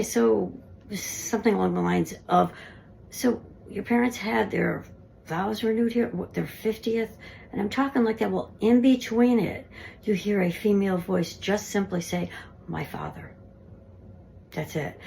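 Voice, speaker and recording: A woman's voice: fairly low pitch, gravelly, a little mellow, a little hiss or hum. A woman paranormal investigator narrating her ghost recordings in a conversational, earnest way. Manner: conversational, earnest, explaining clips.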